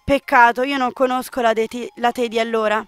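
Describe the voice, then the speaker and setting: A woman reading the lines of a calm, quietly possessive young man in a dating game, keeping close to her own voice. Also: on the high side, fairly quick, clear, resonant tone, no room sound, lightly acted. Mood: wistful. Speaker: game player reading a character.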